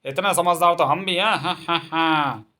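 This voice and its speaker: A man voicing a pack of hungry, dim-witted hyenas with a slow, foolish drawl. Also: a little high, bright, forceful tone. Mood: greedy.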